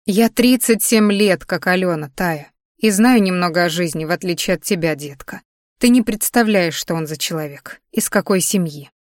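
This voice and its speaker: A woman's voice: lowish voice, normal speed, dry recording, natural voice. Stern worried aunt, read by a woman, scolding and pleading, close dry recording. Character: stern worried aunt in her late thirties.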